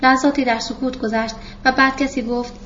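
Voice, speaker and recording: A woman with a high voice reads a novel aloud in steady, scripted narration and speaks the characters' lines without changing her voice much. The recording is slightly muffled, with a faint hiss underneath. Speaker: audiobook narrator.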